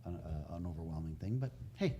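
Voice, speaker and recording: A man's voice: low-pitched, expressive, fast talker, lo-fi sound, heavy background noise. A middle-aged man guest on a casual podcast, telling rambling anecdotes about community theatre and trailing off with chuckles.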